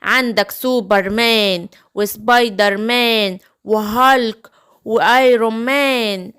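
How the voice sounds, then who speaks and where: A woman with an Egyptian accent voicing a kind, gentle witch who comforts and helps. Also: a little high, fairly even intonation, measured pace, clear, resonant tone. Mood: soothing. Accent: Egyptian Arabic. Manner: soothing, explaining.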